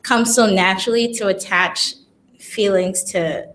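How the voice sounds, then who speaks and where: A woman's voice: medium pitch, measured pace, fairly bright tone. A young woman, a master's student, speaking on a live panel in a casual, hesitant way with many ums. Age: young adult.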